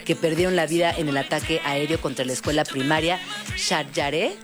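A woman's voice: low-pitched, animated, a little fast. Woman reading news on the radio, chatty, music under her. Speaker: radio co-host.

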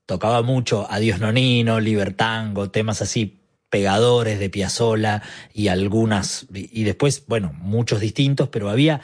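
Husky Argentine man, reflective. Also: on the low side, steady tone, moderate pace. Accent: Argentine Spanish. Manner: reflective, searching for words. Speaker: guest musician. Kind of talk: relaxed interview conversation.

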